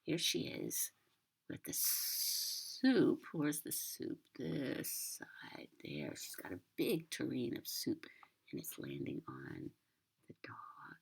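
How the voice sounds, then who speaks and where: Breathy, creaky, sweet older American grandmother. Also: extremely low pitch, wildly swooping pitch, slow pace. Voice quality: breathy, husky, often near whisper. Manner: sweet old lady, gentle, addressing a child. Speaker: grandmother reading a children's book. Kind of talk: storytime read-aloud with chatty asides.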